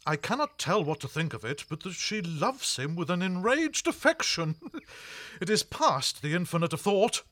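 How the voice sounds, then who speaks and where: An actor playing an older nobleman who eagerly joins a scheme with emphatic, animated speech. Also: high voice, moderate pace, no echo, heavily acted. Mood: conspiratorial.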